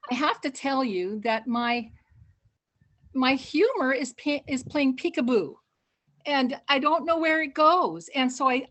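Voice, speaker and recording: Woman, slow, slightly high voice, halting animated storytelling, sighs, video call. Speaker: participant sharing in an online group. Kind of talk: personal sharing on a video call.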